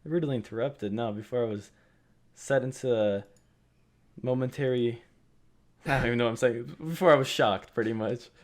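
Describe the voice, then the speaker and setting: A young man co-hosting a casual podcast, chatting in relaxed, rambling bursts and teasing his friend. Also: mid-range voice, normal speed, long pauses. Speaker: podcast co-host. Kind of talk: casual chat.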